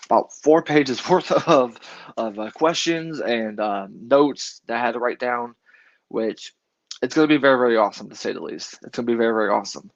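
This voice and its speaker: A man's voice: medium pitch, slight background noise. A man hosting an interview in a casual way, rambling and often stumbling over his words. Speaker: interview host. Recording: dull lo-fi audio.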